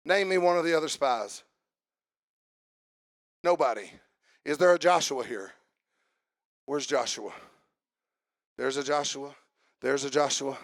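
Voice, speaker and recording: A man preaching a sermon to a congregation, asking them questions and rising into a chanted, shouted preaching cadence. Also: medium pitch, measured pace, long pauses, no room sound, clean studio sound.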